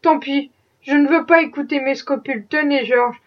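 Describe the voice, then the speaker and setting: A woman's voice: high voice, normal speed, highs cut off, lightly acted. A woman voicing a kindly, fretful old male factory owner with flustered, fatherly concern.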